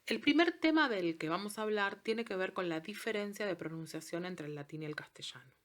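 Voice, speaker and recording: A woman teacher giving a recorded class. She explains step by step, slows down on example words and keeps checking in with her students. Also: mid-range voice, expressive. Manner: patient, checks in with frequent "¿sí?". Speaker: Latin teacher. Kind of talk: recorded online class lesson.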